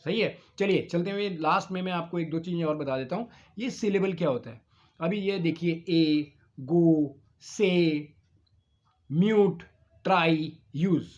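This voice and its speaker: An Indian man teaching spoken English in a video lesson, spelling words out letter by letter and pausing often. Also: sits high. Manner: spells out words letter by letter, drawn-out teaching delivery with many fillers.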